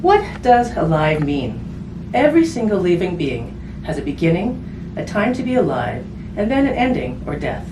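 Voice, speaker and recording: A woman with a lowish, sing-song voice reads a picture book aloud to children at a moderate pace. She chats as she goes, using simple phrasing, tag questions and casual asides. The recording is roomy, from a distant mic, with background noise.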